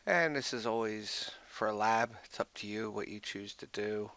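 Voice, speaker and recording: Brief: gravelly low-voiced guy, casual tech tutorial, talks to himself while clicking. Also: moderate pace, pushed and bright. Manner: thinking aloud, muttering to himself while clicking. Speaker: IT tutorial host. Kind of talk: casual screen-recorded tech walkthrough.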